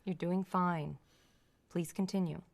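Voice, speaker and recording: An actress playing a calm female counselor who gives steady, reassuring instructions. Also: fairly low pitch, a little slow, creaky. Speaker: counselor in a demonstration session.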